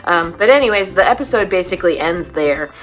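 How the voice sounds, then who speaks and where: A young woman in a casual recap chat, talking fast and exasperated as she acts out scenes for her viewers. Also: fairly low pitch, animated, fairly bright tone, soft background music. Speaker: vlog host.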